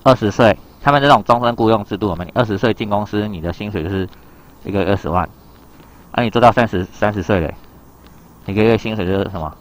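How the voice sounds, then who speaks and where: A man teaches an exam reading lesson in a loose, chatty way. His voice sits low and he talks fast. He keeps asking his students whether they follow along. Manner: explains in a loose conversational way. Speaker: Japanese teacher.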